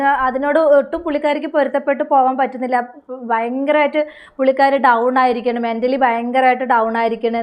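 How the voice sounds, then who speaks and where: A woman with a Kerala Malayalam accent commenting on a video in a casual, hesitant way, with many drawn-out fillers. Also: high-pitched.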